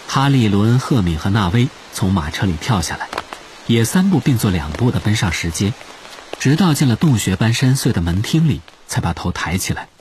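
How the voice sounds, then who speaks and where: Low-voiced, animated male audiobook narrator. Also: brisk, a little hiss or hum. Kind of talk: expressive scripted storytelling narration.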